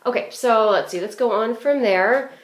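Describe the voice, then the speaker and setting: A woman's voice: a little high, moderate pace. A woman giving a clarinet lesson, explaining phrasing and fingerings in a practical way with frequent fillers. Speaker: clarinet teacher. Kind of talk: instructional music lesson. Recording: roomy echo.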